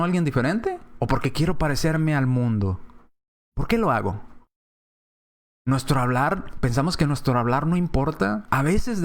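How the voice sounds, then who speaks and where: A man preaching a sermon in a conversational way, slipping into other voices to act out quoted speech. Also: medium pitch. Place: church.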